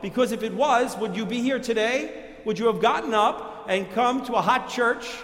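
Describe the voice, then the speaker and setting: High-voiced New York pastor preaching. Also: male voice, moderate pace, fairly bright tone. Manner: conversational, folksy preaching. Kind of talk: sermon. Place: church. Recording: echoey church reverb.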